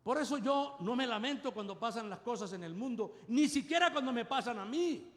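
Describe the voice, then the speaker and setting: A man's voice: very high voice, expressive, a little fast, a bit bright. A man preaching a sermon as pastor, constantly asking his congregation "yes or no?". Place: church. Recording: long church reverb.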